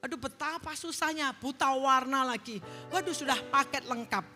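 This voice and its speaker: This middle-aged woman preacher has a high-pitched, sharp voice and speaks at a moderate pace. Standing in a large church hall, she earnestly tells her testimony and leads the congregation in call-and-response, with reverb and faint music audible.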